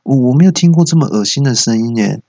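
A suspicious office manager asks probing questions, as a man puts him on. The voice is gravelly and a bit husky, with a dry sound. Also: medium pitch, lively intonation, fast, a little mellow, dry recording, lo-fi sound, voice pushed up.

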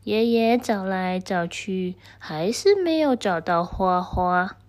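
A woman storyteller reading a story to children and gently speaking to them directly. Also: mid-range voice, lively intonation, slow pace.

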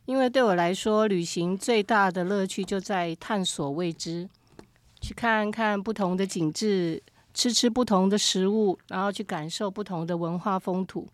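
A woman guest on a podcast, telling travel stories in a lively way and often agreeing with a quick string of "yes, yes, yes". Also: medium pitch, no echo. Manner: lively storytelling, frequent "dui dui dui". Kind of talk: casual interview chat.

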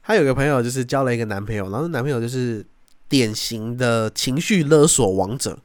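A man's voice: medium pitch, lively intonation, fairly quick, dry recording, clean studio sound. A young man with a Taiwanese Mandarin accent hosting a podcast, telling stories casually, swearing freely and acting out quotes. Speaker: podcast host. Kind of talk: casual storytelling.

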